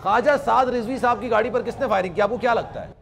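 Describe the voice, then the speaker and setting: A man's voice: extremely high pitch, quick pace, creaky. A male television anchor moderating a political debate, persistently steering the guests back to the topic with polite interjections.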